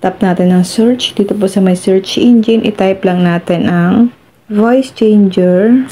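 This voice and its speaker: Speaking at medium pitch in an unhurried, mellow way, a Filipino tutorial host guides viewers through a phone's steps one by one. She stays courteous as she talks to her audience.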